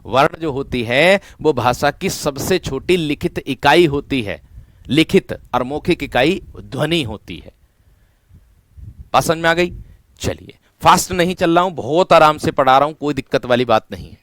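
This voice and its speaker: A man's voice: on the high side, expressive, moderate pace, a bit bright, no room sound, clean studio sound. A male teacher giving an online exam-prep lecture, repeating each point and asking students questions he then answers himself. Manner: repetitive call-and-response questioning, addressing students as friend.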